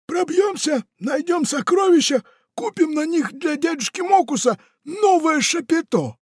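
A man voicing a boisterous, treacherous male pirate in a storybook, shouting his lines in a strained, raised voice. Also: animated, unhurried, no room sound, clean studio sound. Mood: boastful. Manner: shouting, exclamatory, high-pitched. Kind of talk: audiobook character voice.

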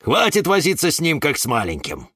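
A grumpy, bossy cactus who snorts and scolds everyone around him, as a man puts him on. His voice is bright and swings widely in pitch. The sound is dry and close. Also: sing-song, normal speed, breathy edge, no echo, heavily acted. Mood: grumbling. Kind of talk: storybook narration.

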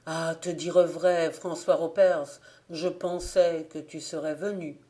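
A woman's voice: sits low, fairly even intonation, slow, dark tone. A woman voicing an old village gravedigger in an audiobook, anxious and pleading. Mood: startled.

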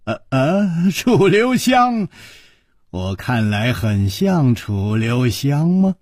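A male storyteller voicing a witty young swordsman hero who speaks in a slow, airy, teasing way, in a traditional storytelling style. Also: mid-range voice, sing-song, darkish tone, no room sound, studio quality, voice pushed down, full character voice. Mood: breezy teasing. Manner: airy and teasing, drawn-out lines.

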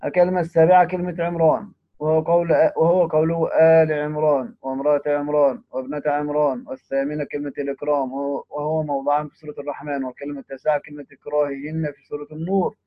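Fast-reading man, dull lo-fi sound. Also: fairly high pitch, level tone, no echo. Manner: reads quoted text, then adds brief plain comments. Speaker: teacher of Quran readings. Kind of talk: reading and explaining a classical text. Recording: dull lo-fi recording.

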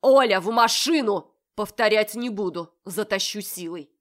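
A woman's voice: mid-range voice, normal speed, natural voice. Harsh controlling young man, barks commands, as a woman narrator plays him. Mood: stern. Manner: barking, stern commands.

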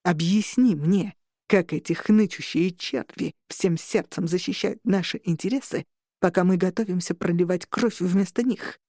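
A woman voicing an angry male vampire lord who shouts and snarls at his rivals. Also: high voice, normal speed, dry recording, clean studio sound. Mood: scornful. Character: furious vampire lord marshal, growling.

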